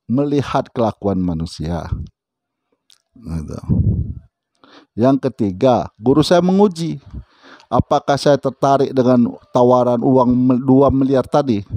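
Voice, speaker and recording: Speaking with a medium-pitched, mellow voice on a dry recording, a man tells a story from his own life. He keeps it conversational and casual, frequently addressing the listener with small asides.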